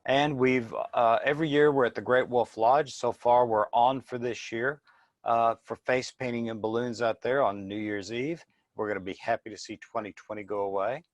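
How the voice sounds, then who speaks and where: A man's voice: mid-range voice, steady tone, moderate pace, dry recording. A man giving an informal sales presentation in a plain-spoken, explanatory way. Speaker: business presenter.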